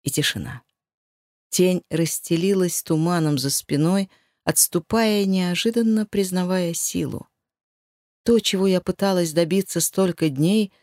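A woman narrating a first-person novel as an audiobook in a steady, emotive storytelling manner. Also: on the low side, unhurried, no echo, studio quality.

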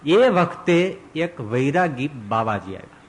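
A male monk preacher giving a devotional sermon, telling stories in an animated way. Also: on the high side, slow, a little hiss or hum, poor audio. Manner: animated storyteller who voices characters.

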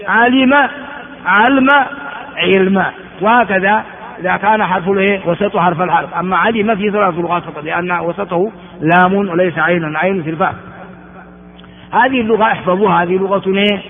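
A man's voice: high-pitched, quick pace. A man from Ethiopia giving a classroom lecture on religious texts, repeating words and asking rhetorical questions of his students. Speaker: religious teacher. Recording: phone-like sound in an echoey hall.

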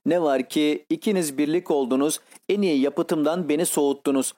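A sincere, devoted painter, voiced by a male reader speaks with earnest urgency. The voice is warm and sits slightly high. It comes from a classic-novel audiobook. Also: fairly even intonation, normal speed, lightly acted.

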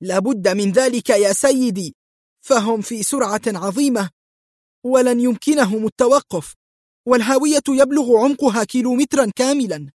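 A man's voice: extremely high pitch, normal speed, darkish tone, dry recording, clean studio sound, voice pushed up. A man voicing a nervous male car driver in an audio story, speaking anxiously and respectfully. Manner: anxious, respectful to his superior.

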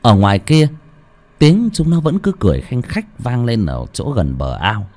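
A man narrating a horror story in a dramatic, expressive way. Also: medium pitch, moderate pace.

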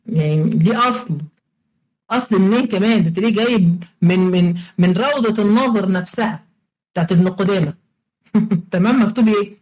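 A woman's voice: mid-range voice, darkish tone, breathy edge, poor audio. A woman teacher with an Egyptian Arabic accent, giving an online lesson in a playful, coaxing way, repeating each step and quizzing her students. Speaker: religious studies teacher.

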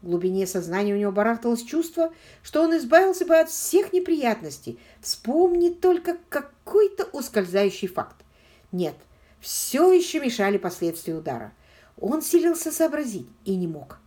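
A woman's voice: a little high, sing-song, normal speed, warm tone. A woman narrating a novel as an audiobook, with dramatic, varied intonation.

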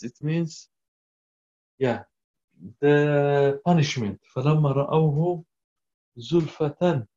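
A man's voice: on the high side, dark tone. Man teaching verses in a dull lo-fi recording. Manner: recites verses then asks students word meanings; halting, non-native English with restarts. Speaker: Quran tafsir teacher. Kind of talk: teaching a class, mixing English and Arabic.

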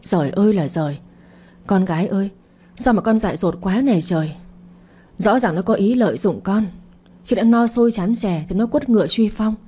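A worried middle-aged mother from an audio story, firing questions in a scolding tone, voiced by a woman narrator. Her voice is mellow and slightly breathy, with a soft husk. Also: medium pitch, lively intonation, moderate pace. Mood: angry, scolding.

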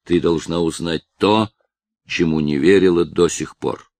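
A man's voice: low-pitched, steady tone, measured pace, a little mellow, dry recording. A man voicing an obsessive, possessive villain who threatens a young woman, in a menacing, insistent manner.

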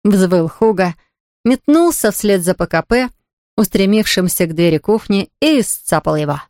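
A woman narrating a children's story aloud in a lively, expressive reading. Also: medium pitch, normal speed, dry recording, studio quality. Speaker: audiobook reader.

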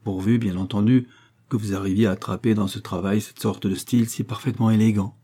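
A man reading aloud voices a vain, pompous middle-aged widow who scolds her niece haughtily, with sudden rises in pitch. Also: steady tone, brisk, mellow, breathy edge. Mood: haughty.

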